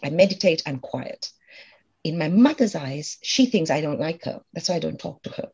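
A middle-aged woman calmly explaining advice step by step, mixing in stories from her own life. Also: sits low, moderate pace, slightly rough, dull audio. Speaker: guest expert on emotional intelligence. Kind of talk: conversational advice in an interview.

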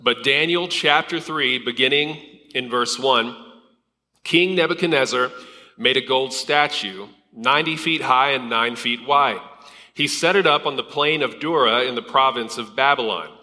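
A man's voice: medium pitch, moderate pace, bright, forceful tone. A male pastor preaching a sermon in a church sanctuary, conversational with fillers and restarts, heard with a long hall reverb.

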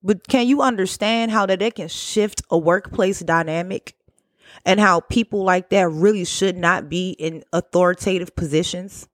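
A woman's voice: on the low side, moderate pace. A woman telling a workplace story in a casual, sassy rant, full of dialect turns. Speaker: vlogger.

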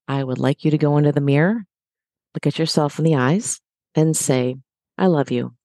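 Middle-aged woman from the US, fitness guest; low mellow voice, dry close sound, upbeat coaching tone. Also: no echo. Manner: encouraging, direct to listeners. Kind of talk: motivational podcast talk.

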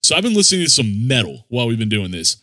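Male music podcast host, animated pitch, casual and sweary bro slang, dry close recording. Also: very fast, no room sound. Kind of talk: casual chat.

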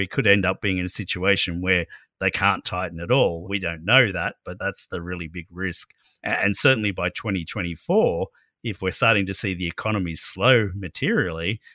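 A man's voice: deep voice, sharp tone, no echo, studio quality. A man co-hosting a podcast, giving conversational commentary on economics. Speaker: podcast co-host.

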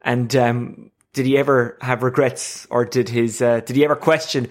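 An Irish man hosts a sports podcast in a mid-pitched voice. He presents conversationally and explains with emphasis, often putting a question and answering it himself. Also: steady tone, normal speed.

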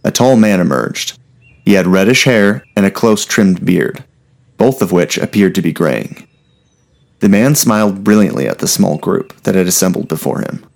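A man narrating a story in a steady, measured reading voice. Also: low-pitched, vocal fry.

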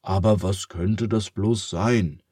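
A man's voice: fairly low pitch, warm tone, breathy edge, dry recording, studio quality. A man doing a bumbling forgetful wizard. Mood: despairing. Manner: bumbling, chants spells slowly. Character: forgetful, muddled old male wizard. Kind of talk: storybook reading.

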